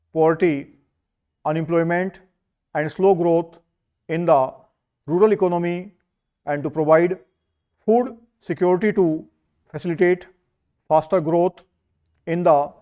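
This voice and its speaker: A man reads a script as slow school dictation, in short measured phrases with pauses between them. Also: on the high side, a little mellow, lo-fi sound. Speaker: dictation reader for a stenography skill test.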